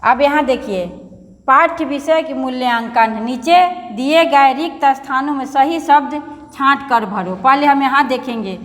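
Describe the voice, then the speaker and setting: A woman Hindi teacher with a Bihari accent, slowly and patiently explaining a lesson to young children. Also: high-pitched, fairly bright tone. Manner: patient, slow explaining, calls pupils "beta". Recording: long hall reverb.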